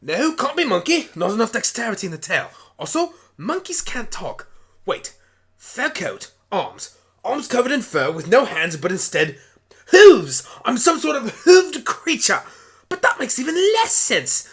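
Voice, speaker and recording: A performer voicing a frantic, excitable alien Doctor turned talking pony in a hobby radio play, chattering away in exclamations. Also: medium pitch, a little slow, slightly rough, pitched above the performer's own voice, full character voice. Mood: curious, puzzled.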